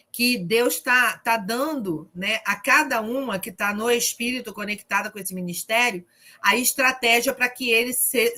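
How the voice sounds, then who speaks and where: A woman's voice: a little high, bright, forceful tone. A woman leading an online discipleship group, preaching informally with humor and telling testimonies over a video call.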